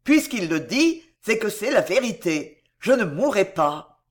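A reader voicing a timid, gentle dwarf man in a storybook who speaks softly and falters, as if dying. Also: a little high. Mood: weak. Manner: soft, slow, faltering. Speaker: storybook character. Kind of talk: dramatic audiobook reading.

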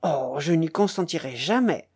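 A woman's voice: deep voice, lively intonation, moderate pace, a little mellow, breathy edge, voice pushed down, full character voice. A woman doing a flustered, pleading baron. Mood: protesting. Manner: stammering, protesting.

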